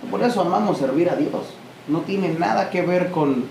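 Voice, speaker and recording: A man giving an emphatic, animated church talk, speaking straight to his listeners. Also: high-pitched, normal speed, gravelly. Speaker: preacher. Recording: echoey church room with noise.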